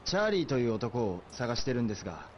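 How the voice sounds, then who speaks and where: A male actor plays an earnest young man in a game, politely asking locals about a stranger. He speaks quickly with a lively pitch. The game audio is slightly dull, with faint ambience behind it. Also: a little hiss or hum, natural voice. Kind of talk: Japanese game dub dialogue.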